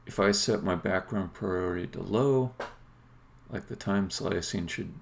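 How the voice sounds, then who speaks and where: This middle-aged game developer streams live coding, speaking in a casual, opinionated way that pauses now and then before landing emphatically. The voice is low and creaky, with slight background noise.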